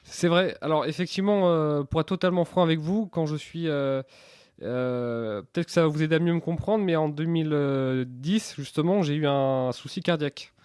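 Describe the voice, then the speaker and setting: A man in his thirties speaks in a fairly high voice with very little room sound. He answers interview questions candidly and earnestly, often hesitating and restarting on a repeated word. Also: moderate pace, darkish tone, smooth, dry recording, studio quality. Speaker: interview guest, entrepreneur.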